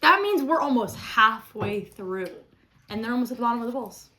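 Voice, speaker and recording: A woman's voice: a little high, animated, moderate pace, sharp tone. A woman hosting a challenge with casual chat and playful running commentary. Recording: faint background noise and clicks.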